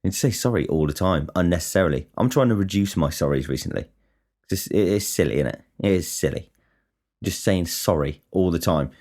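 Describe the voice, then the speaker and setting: A man's voice: low-pitched, animated, brisk, darkish tone. An English man hosting a podcast, talking in a casual, rambling and blunt way, swearing freely, poking fun at himself and often stumbling and restarting. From England. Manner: blunt, sweary and self-deprecating, with frequent stutters and restarts. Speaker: podcast host.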